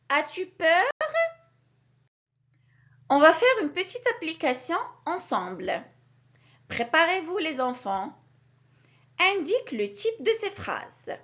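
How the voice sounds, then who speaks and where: A woman teaching a grammar lesson to young children, with a clear, sing-song teacherly delivery that stresses key words. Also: sits high, big pitch swings, a little slow, fairly bright tone. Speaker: primary school teacher. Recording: dull lo-fi recording.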